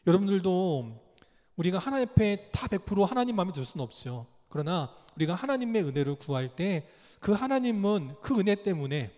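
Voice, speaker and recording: A man preaching a sermon as a pastor, telling lively stories and putting questions to the congregation. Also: high voice, fairly quick. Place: church sanctuary. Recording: long reverb of a church hall.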